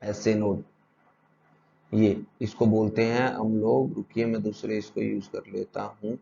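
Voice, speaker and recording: Male teacher, mellow tone, muffled lo-fi audio; drills terms with repeated questions. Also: fairly low pitch, flat delivery, a little slow, creaky, slight background noise. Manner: repetitive drilling with rhetorical questions. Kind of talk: exam-prep lecture.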